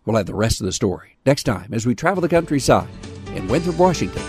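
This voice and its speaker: A man hosting and narrating a radio feature story in a measured, scripted delivery. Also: mid-range voice, very animated, over music. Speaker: radio program host and reporter.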